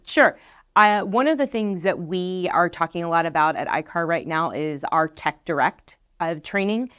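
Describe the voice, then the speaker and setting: A woman's voice: lowish voice, expressive, normal speed, a bit bright, dry recording. A middle-aged woman answering questions as a guest in a studio interview, earnest and full of fillers and restarts. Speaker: marketing director guest. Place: podcast studio set.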